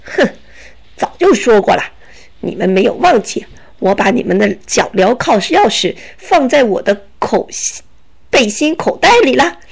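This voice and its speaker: A woman's voice: on the high side, big pitch swings, unhurried, vocal fry, breathy edge, heavily acted. A woman voicing a scornful, gloating bandit man who stammers and mocks his captors, read as a children's story. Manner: mocking, stammering, bursts of laughter.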